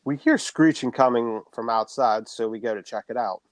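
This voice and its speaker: A man's voice: medium pitch, normal speed, dry recording. A man co-hosting a podcast, casually recapping a horror film plot and swearing freely.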